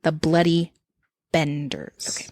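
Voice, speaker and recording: A woman hosting a podcast in casual chat, an animated storyteller who laughs often. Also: low-pitched, drawn-out words, dry recording, studio quality. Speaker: podcast host.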